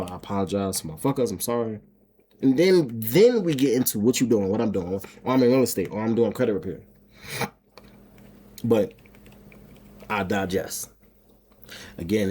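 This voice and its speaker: Low, mellow-voiced man venting. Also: a little hiss or hum. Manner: rambling, profane, stumbles and repeats words. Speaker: homestead vlogger and single dad. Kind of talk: emotional venting monologue.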